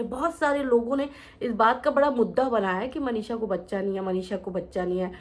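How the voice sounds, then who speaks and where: A young woman hosting a reaction channel, giving earnest opinion commentary and speaking directly to the people involved in a lecturing tone. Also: a little high.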